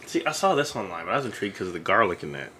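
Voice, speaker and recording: A man in his thirties with a low voice talks at a racing clip, very animated, with a crowd audible behind him. Co-hosting a live stream from a small studio room, he tastes hot sauces at a desk-mounted studio mic while laughing and cracking crude jokes. The stream audio is noisy.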